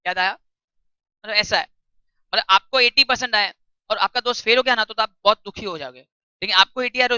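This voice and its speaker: A woman tutor giving a classroom lecture, reading English text slowly and explaining it in chatty while quizzing her students. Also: a little high, sharp tone, clean tone, dry recording. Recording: dull lo-fi recording.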